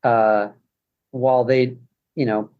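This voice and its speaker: A man's voice: mid-range voice, little pitch movement, takes it slowly, clear, resonant tone. Guy on a podcast rambling along, slightly muffled sound. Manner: rambling, many fillers and restarts. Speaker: podcast guest. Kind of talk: casual conversation.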